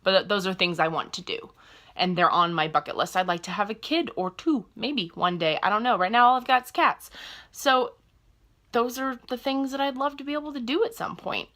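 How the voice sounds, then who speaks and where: A woman's voice: mid-range voice, brisk, sharp tone. A woman in her twenties talking candidly to camera in a casual vlog, rambling and correcting herself as she goes. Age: 20s. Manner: rambling and candid, self-correcting mid-sentence. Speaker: vlogger. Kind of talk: casual personal vlog talk.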